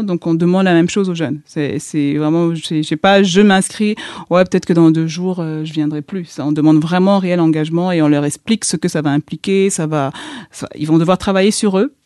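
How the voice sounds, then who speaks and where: Woman guest, school founder, halting restarts, dry dead sound. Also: fairly low pitch, darkish tone, dry recording. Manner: restarts often, repeating short words. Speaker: youth school founder, volunteer. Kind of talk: interview answers.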